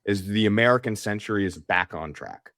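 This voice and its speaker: A man's voice: on the low side, fairly quick, a bit bright, no echo, studio quality. A man co-hosting a podcast in casual chat, talking with enthusiasm and repeating words as he starts his thoughts. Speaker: podcast co-host.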